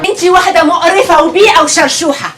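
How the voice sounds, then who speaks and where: Haughty rich snob. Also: female voice, extremely high pitch, fast talker. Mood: contemptuous. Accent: Egyptian Arabic. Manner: haughty, contemptuous. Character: snobbish rich compound woman, disdainful. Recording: TV drama audio with music.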